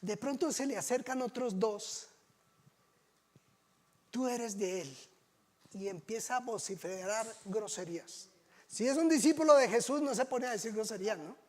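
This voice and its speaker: A pastor delivers a sermon in a conversational, storytelling way. He often asks rhetorical questions. His voice sits very high for a man. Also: animated, normal speed.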